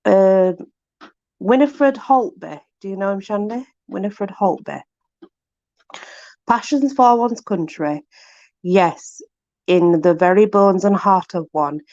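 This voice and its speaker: With lively intonation and a slightly mellow, mid-range voice, a Yorkshire-accented woman reads a book aloud, taking her time and leaving long pauses. She's casual and chatty, throwing informal exclamations to a companion as the host. It's a dry recording with the highs cut off.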